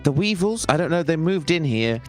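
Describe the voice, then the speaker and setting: A man's voice: on the high side, lively intonation, fairly quick, faint music behind. A man playing in an improvised role-play game, blustering and making threats in character. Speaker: player.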